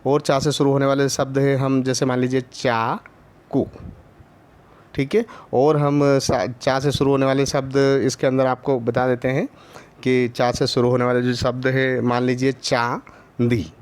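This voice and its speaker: A male primary school teacher gives an online Hindi lesson to young children, patiently repeating each syllable and pausing often with drawn-out fillers. His medium-pitched voice is monotone, smooth and a little mellow.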